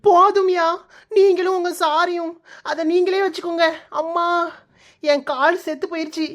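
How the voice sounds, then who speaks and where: A woman's voice: extremely high pitch, steady tone, moderate pace. A woman voicing a fussy, sulky young village wife in a cartoon comedy, with a Kanyakumari Tamil accent. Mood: wailing. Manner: whiny, sulky, nagging.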